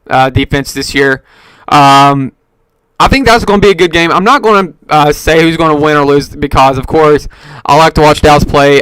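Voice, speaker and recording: This podcast host's voice is a little high and fairly bright, recorded cleanly with no room sound. Hiccuping as he goes, he talks sports alone in a casual, rambling way, full of fillers and corrections of himself.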